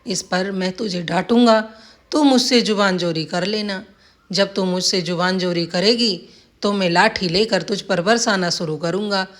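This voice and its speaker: A woman's voice: mid-range voice, unhurried, close to an everyday voice. A woman voicing a scheming, bossy old village husband who scolds and commands. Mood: plotting.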